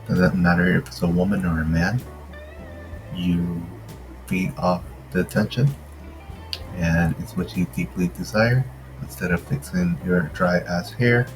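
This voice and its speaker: A man giving mocking, scornful reaction commentary over a clip he pauses. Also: low voice, steady tone, music in the background, poor audio.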